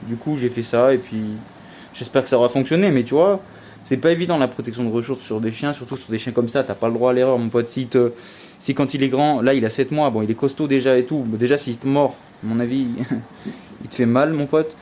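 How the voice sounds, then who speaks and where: A man's voice: mid-range voice, fairly quick, warm tone, a little hiss or hum. A young man telling a casual story in a vlog, chatty and slangy, full of fillers. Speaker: vlogger.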